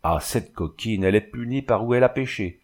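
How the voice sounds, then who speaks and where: A man reading the part of an excitable, self-satisfied village haberdasher. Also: on the low side, brisk, natural voice. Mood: smug eager. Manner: eager and pleased with himself.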